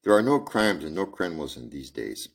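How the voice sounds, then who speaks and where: A man's voice: sits low, sing-song, fairly quick, creaky, slightly rough, exaggerated voice. A man reading the lines of a conceited, brilliant male detective who lectures scornfully in a storybook reading. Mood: complaining.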